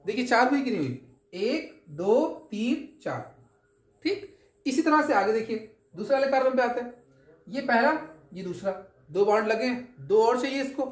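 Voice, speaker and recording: A woman with a fairly high voice gives a chemistry lesson. She explains patiently step by step, poses questions and answers them herself, and keeps checking that everyone follows. The room is echoey. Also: expressive, moderate pace. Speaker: chemistry teacher. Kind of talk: classroom lecture.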